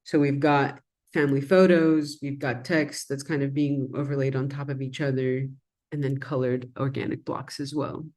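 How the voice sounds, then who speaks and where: With a bass voice, darkish tone and little pitch movement, a design educator whose native language is Arabic talks through her design research at a moderate pace. She's thoughtful and relaxed, conversational rather than polished, as if presenting slides, often saying "um" and "kind of."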